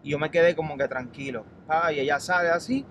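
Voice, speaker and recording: A man with a Puerto Rican accent, telling an anxious story in a casual chat, animated and acting out quotes. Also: a little high, quick pace. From Puerto Rico. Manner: animated, calls the listener papi, acts out quotes. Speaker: guest, chef. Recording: noisy background.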